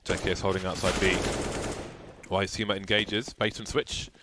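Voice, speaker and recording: A man giving live play-by-play commentary on a match, with dry, deadpan banter between excited calls. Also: low voice, fairly quick. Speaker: esports commentator. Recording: light background noise with game gunfire.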